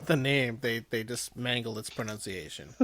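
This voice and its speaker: Male co-host, unhurried, expressive pitch, deadpan quips. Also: a loud crowd. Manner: dry, wry one-liners. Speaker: podcast co-host. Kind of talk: casual podcast chat.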